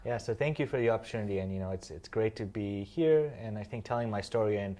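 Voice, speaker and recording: A man in his thirties from Kenya, a guest in an interview, explaining his work in a measured way with frequent "um" fillers. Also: on the low side, mellow. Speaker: interview guest, social finance founder. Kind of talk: conversational interview answers.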